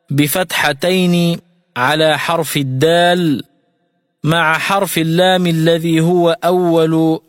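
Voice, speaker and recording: A man's voice: fairly high pitch, dry recording, clean studio sound, long reverb tail. A man teaching Quran recitation on radio. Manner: explains rules clearly, then recites examples slowly and melodically.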